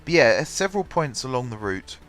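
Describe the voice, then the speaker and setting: Congested from a cold, this gaming channel host has a mid-range, fairly bright voice with a sing-song lilt and a quick pace. He rambles through casual game commentary, full of ums and false starts, over faint background music.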